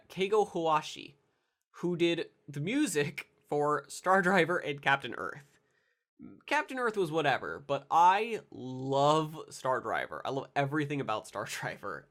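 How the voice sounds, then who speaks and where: A young anime video reviewer with a congested, nasal voice of medium pitch and slight brightness rambles casually through his commentary. He uses lots of fillers and restarts.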